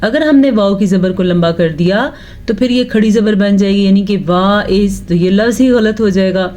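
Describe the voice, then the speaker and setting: A woman teaching Quran pronunciation, reciting words slowly and breaking them into syllables with patient explanation. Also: medium pitch, mellow. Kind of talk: slow tajweed lesson with recitation.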